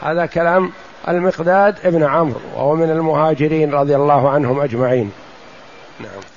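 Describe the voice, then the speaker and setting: A man commenting on a religious text in a lesson, explaining slowly and repeating key phrases. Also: on the high side, a little hiss or hum. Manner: explains slowly, repeats phrases and says "yes" to cue the reader. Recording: dull lo-fi recording.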